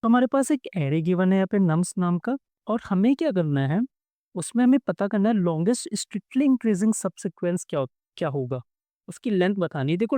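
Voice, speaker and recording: Chatty high-voiced man teaching code. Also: warm tone, no echo, clean studio sound. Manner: chatty, addresses viewers as friends, acts out little dialogues. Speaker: coding tutorial instructor. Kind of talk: casual explanatory lesson.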